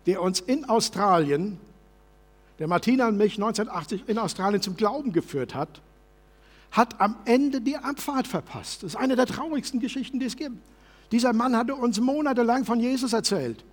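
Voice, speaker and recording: A man preaching a sermon as pastor in a church service, passionate and shifting from loud to soft. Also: very high voice, animated, moderate pace, long reverb tail.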